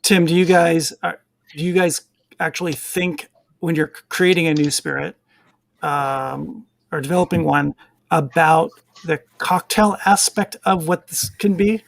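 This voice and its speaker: A man's voice: fairly high pitch, a little slow, vocal fry, dry recording, clean studio sound. A man hosting a casual live online chat, asking rambling questions that he corrects as he goes. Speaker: show host.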